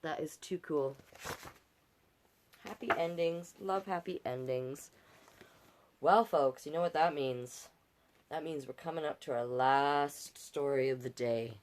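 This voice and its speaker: This storytime host, a woman with a low voice, reads picture books aloud at a slow pace with frequent pauses. Her animated, folksy style moves naturally into chatty encouragement for viewers, with slight background noise in the recording.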